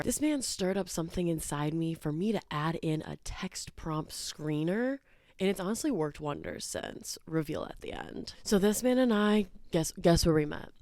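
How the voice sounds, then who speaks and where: A young woman telling dating stories in a casual, animated storytime chat, joking and laughing as she goes. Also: sits low, no echo. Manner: chatty, animated, bursts of laughter and jokey made-up words.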